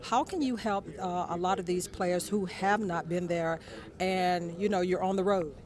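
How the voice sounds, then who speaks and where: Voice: mid-range voice, fairly even intonation, moderate pace. A sports reporter asking interview questions in a locker room.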